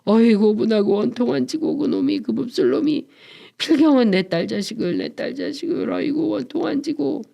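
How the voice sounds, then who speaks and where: A woman voicing a dignified, gruff old man in his seventies who is grieving, in a dramatized book reading. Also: lowish voice, a little fast, warm tone, close to an everyday voice. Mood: wailing. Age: older. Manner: curt, gruff, lamenting.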